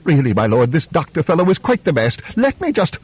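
A man voicing a fussy, stooped male duke with a high, grating voice and flustered exclamations. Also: huge pitch swings, a little fast, husky, no room sound, lo-fi sound, full character voice. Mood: panicked.

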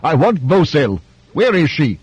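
Dude doing a shouty impatient king, bossing everyone around, husky and dry. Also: a little high, sing-song, a little slow, dry recording, muffled recording, pitched above the performer's own voice, heavily acted. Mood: furious. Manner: bellowing, brusque orders. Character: hot-tempered male king, commanding and impatient.

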